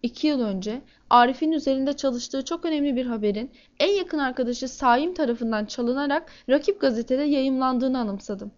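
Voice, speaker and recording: High-voiced woman reading a novel aloud. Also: highs cut off. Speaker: audiobook narrator. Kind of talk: first-person novel reading.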